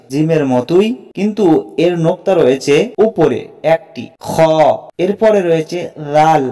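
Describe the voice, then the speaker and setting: A man's voice: a little high, dark tone. A man teaching Arabic letter pronunciation as a Quran reading teacher, explaining step by step and repeating each letter name for learners. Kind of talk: slow, deliberate instructional lesson.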